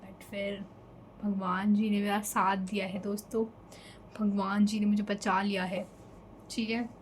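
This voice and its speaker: A woman's voice: medium pitch, flat delivery, measured pace, slight background noise, rough recording. A young woman from Delhi telling an emotional storytime vlog in a casual chatty way, slipping in English fillers. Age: young adult. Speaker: vlogger.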